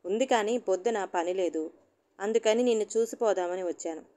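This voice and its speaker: A woman voicing a young adult daughter who talks gently and reassuringly. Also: mid-range voice, a little fast, lightly acted. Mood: caring. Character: calm caring grown daughter, young woman.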